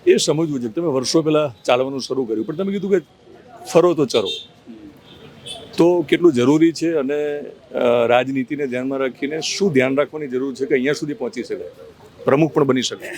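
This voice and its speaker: A man interviewing a politician, asking slow, thoughtful questions with hesitations and addressing viewers directly. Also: medium pitch, a little mellow. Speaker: interviewer and news reporter. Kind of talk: conversational interview with asides to viewers.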